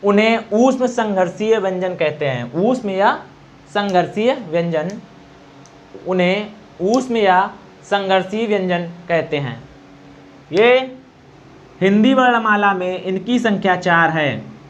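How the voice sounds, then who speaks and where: A male teacher giving an exam-prep grammar lesson, quizzing students, repeating answers and slowly demonstrating sounds. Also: sits high, lively intonation, a little hiss or hum. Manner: quizzing, repeats answers, asks "okay?" often. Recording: dull lo-fi recording.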